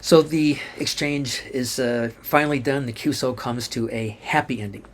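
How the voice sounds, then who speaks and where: A medium-pitched man narrates an instructional tutorial at normal speed, with background noise present. As an instructor and presenter, he explains methodically step by step, spelling out letters one at a time.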